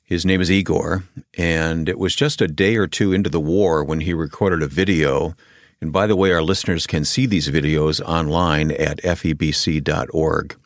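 A man's voice: a bass voice, steady tone, normal speed, no room sound, clean studio sound. A man hosting a conversational broadcast interview. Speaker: radio host.

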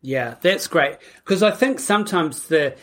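A woman's voice: deep voice, lively intonation, measured pace, a little hiss or hum. A woman hosting a podcast in a casual, upbeat, conversational style. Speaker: podcast host.

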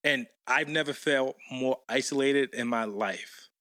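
An American man, a guest, telling a story in a casual interview with slangy, animated talk and many restarts. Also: medium pitch, measured pace, dry recording, studio quality. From United States.

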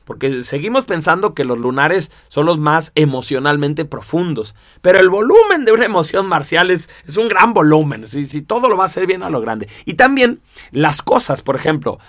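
Lively man explaining, higher voice. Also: normal speed, no echo, studio quality. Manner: lively, conversational, rhetorical asides. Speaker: teacher. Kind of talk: explanatory talk to an audience.

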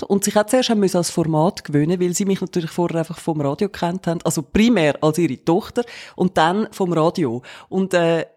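A young woman with a Swiss German accent co-hosts a podcast. She talks in a relaxed, conversational way. Now and then she slips playfully into imitations of the people she quotes. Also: fairly low pitch. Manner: playful, acts out quoted voices. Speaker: podcast co-host. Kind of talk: casual podcast chat.

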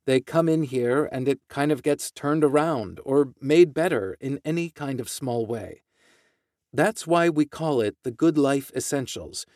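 A man reading local newspaper articles and quotes aloud in a steady, measured way. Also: medium pitch, no room sound, clean studio sound. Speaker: news reader.

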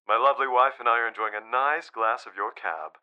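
A man's voice: medium pitch, brisk, clear, resonant tone, highs cut off. An actor playing a playful married man who leaves a boasting message, heard over the phone on an answering machine. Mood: cheeky.

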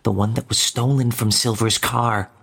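An actor playing a nervous young junior detective who stammers and hesitates. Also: male voice, medium pitch, steady tone, normal speed, gravelly, fairly bright tone, husky. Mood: anxious. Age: young adult.

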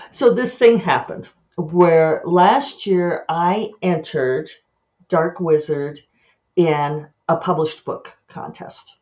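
A woman who is a podcast host and author chats on her own show in a casual, animated monologue full of quick asides and self-mocking laughs. When she acts out her own thoughts, her pitch jumps in a lively way.

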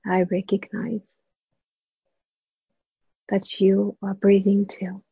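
A woman guiding a meditation in a soft, hushed, spa-like near-whisper, gently and with long pauses, her voice breathy and husky. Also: mid-range voice, completely flat delivery, no room sound. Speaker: meditation guide. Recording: dull, muffled, dry close recording.

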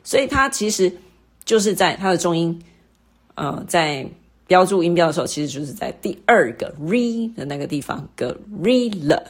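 Woman, middle-aged, English lesson host, deep breathy voice, patient, slow repetition of example words. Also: lively intonation. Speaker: English teacher and podcast host. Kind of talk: explaining English word stress to listeners.

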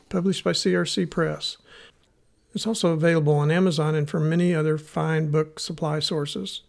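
A man with a Missouri accent narrates a scripted educational podcast. His voice sits a little high for a man and carries a lot of gravelly fry. He sets out the material in a measured, instructional manner, as a host teaching listeners. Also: a little mellow. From United States, Missouri.

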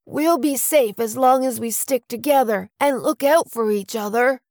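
A man's voice: extremely high pitch, normal speed, no room sound, studio quality, pitched above the performer's own voice. A man voicing a brave young boy who reassures his sister, in a storybook reading. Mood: reassuring. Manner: calm, reassuring.

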